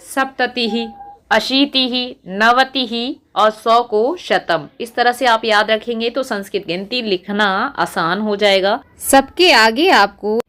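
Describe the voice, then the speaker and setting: A woman teacher giving a lesson, reciting number words slowly and asking the viewer questions as she goes. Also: a little high, a bit bright. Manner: slow, deliberate recitation, quizzing the viewer. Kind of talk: classroom lesson.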